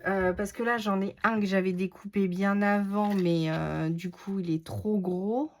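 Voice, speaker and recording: A woman with a Norman French accent and a steady, mid-range, slightly slow voice gives a casual crafting tutorial showing card-making. She thinks aloud and mutters to herself as she works.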